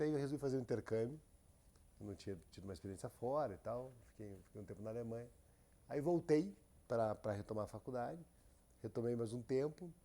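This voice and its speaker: A man from who runs a company, speaking as a podcast guest in a relaxed, halting way with many restarts. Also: mid-range voice. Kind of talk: casual interview.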